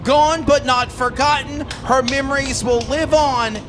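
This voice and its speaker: A man's voice: very high voice, fairly even intonation, measured pace, over music. A man announcing a live race broadcast, giving a solemn, formal tribute.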